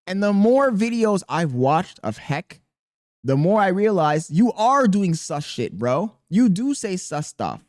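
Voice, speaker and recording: A squeaky-voiced man rambles animatedly to camera as a content creator, talking casually and with plenty of profanity. It's a dry, studio-quality recording made on a podcast dynamic mic.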